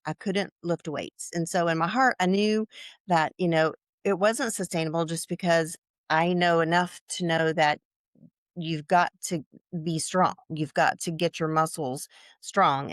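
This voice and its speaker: A woman in her sixties, interviewed as a client, talking in a halting way with many fillers and restarts. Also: on the low side, no room sound, studio quality. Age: 60s. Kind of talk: casual interview.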